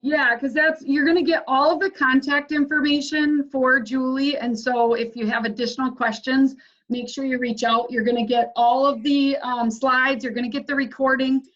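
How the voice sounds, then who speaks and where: A woman's voice: high voice, fairly even intonation, moderate pace, a bit bright. Woman hosting a webinar over dull audio. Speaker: webinar host.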